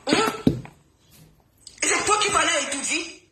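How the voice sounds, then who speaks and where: A woman's voice: high-pitched, normal speed, heavy background noise. A woman in a heated live-stream argument, scolding and mocking with lots of repetition. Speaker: live-stream clash participant. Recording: echoey room with loud music.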